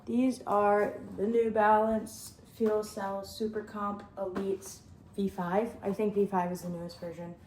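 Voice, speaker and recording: A woman's voice: medium pitch, level tone, measured pace, darkish tone, reverberant, a little hiss or hum, poor audio. A young woman from the Upper Midwest chatting casually in a vlog, rambling and upbeat, chewing gum as she talks. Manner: chewing gum while talking. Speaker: running vlogger.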